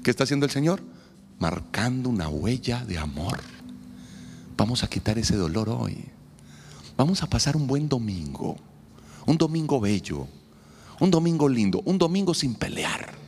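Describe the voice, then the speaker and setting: A man preaching a sermon as a pastor, with a playful, animated delivery that acts out quoted voices. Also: medium pitch, moderate pace, vocal fry, long pauses. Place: church hall. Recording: long reverb in a church hall, faint noise.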